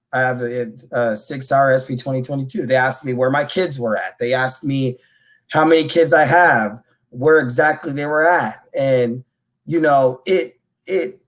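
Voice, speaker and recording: A man on a podcast, retelling a personal story in a loose, animated way, with restarts and swearing. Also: medium pitch. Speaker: podcast co-host. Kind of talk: casual conversation.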